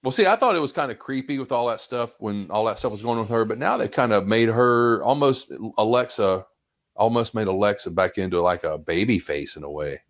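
A man's voice: fairly low pitch, lively intonation, a little fast. A man co-hosting a podcast, chatting casually about wrestling in a laid-back, rambling way. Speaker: podcast co-host.

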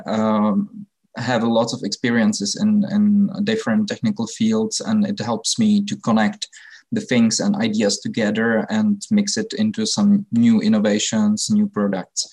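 A man of about thirty with a Czech accent speaks in a slightly low voice. He explains himself as an interview guest in non-native phrasing, halting often as he searches for the next word. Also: a little mellow. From Czech Republic. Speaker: interview guest, technology innovator. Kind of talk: unscripted explanatory interview talk.

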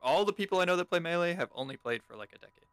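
Sarcastic young guy from florida, raspy fry, swoops up and down. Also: high-pitched, expressive, a bit bright, no room sound. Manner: sarcastic, quick quips. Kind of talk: casual chat.

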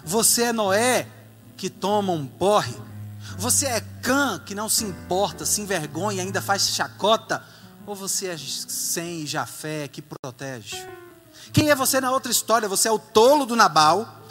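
A man preaching a sermon as a dramatic, animated storyteller in a church. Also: sits high, unhurried, long reverb tail, soft background music.

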